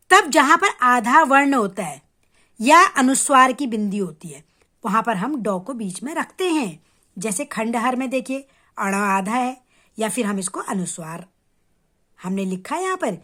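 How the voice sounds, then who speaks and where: A woman with a fairly high voice teaches a lesson to children. She is patient and explains step by step, talking straight to her pupils. She sounds out each letter slowly and clearly so they can hear it. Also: pushed and bright. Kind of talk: children's Hindi grammar lesson.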